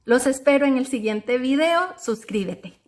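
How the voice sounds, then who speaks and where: High-voiced woman giving a motivational lesson. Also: lively intonation. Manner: measured, addresses viewers directly. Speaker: motivational speaker.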